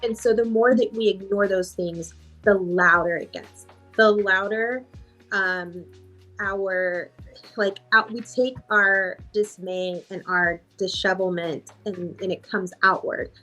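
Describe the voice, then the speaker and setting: A woman's voice: medium pitch, steady tone, takes it slowly, sharp tone, soft background music. A woman life coach answering in a podcast interview, reflective and repeating phrases for emphasis.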